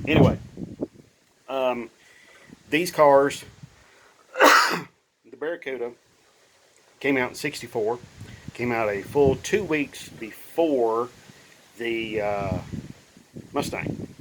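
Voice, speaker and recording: A fifty-something man with a mid-range, fairly bright voice talks slowly with long pauses, sounding a bit nasal from bronchitis. Filming on a phone at arm's length in his cluttered garage, he rambles folksily about his old car with plenty of ums and restarts, and the recording is rough with slight background noise.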